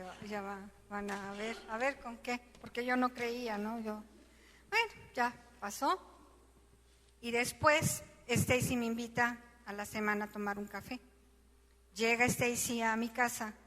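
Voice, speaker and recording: A middle-aged woman, telling her personal testimony in an emotional, animated way, acting out the dialogue. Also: fairly high pitch, big-room sound. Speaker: church testimony speaker.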